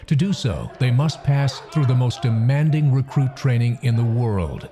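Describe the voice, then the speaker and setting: A man reading scripted documentary narration in a measured, solemn delivery. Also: medium pitch, over loud music, a loud crowd.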